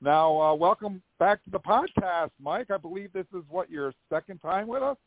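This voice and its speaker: A man's voice: high-pitched, normal speed, no echo, narrow, tinny audio. American man, podcast host, folksy presenter, dry thin phone-band audio. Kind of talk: live call-in fan talk show.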